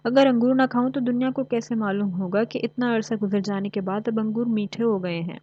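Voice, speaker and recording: A woman's voice: fairly high pitch, fairly even intonation, a little fast, no room sound, lo-fi sound, lightly acted. A woman playing a sly, greedy fox. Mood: fretful. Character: cunning greedy female fox.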